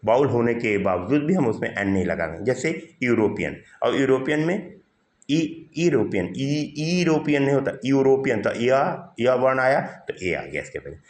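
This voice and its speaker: A man teaching a grammar class with a mid-pitched voice that moves up and down a lot. He walks through each point step by step, putting questions to the students and answering them himself. The sound carries a noticeable room echo. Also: sing-song, moderate pace, hardly any pauses. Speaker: English teacher. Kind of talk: classroom grammar lesson in Hindi. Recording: roomy echo.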